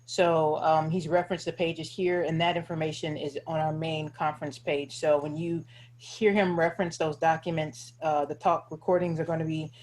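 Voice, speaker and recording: A man hosts an online gathering with informal announcements. His delivery is fairly flat, with a faint hum and noise on the recording. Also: a little high, normal speed. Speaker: host and moderator.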